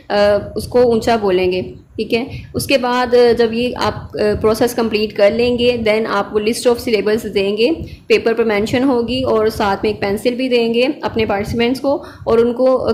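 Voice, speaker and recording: A woman, an online tutor calmly explaining a lab practical and mixing English terms into her speech. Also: a little high, slight background noise. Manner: patient, checks in with "okay" and pauses on fillers.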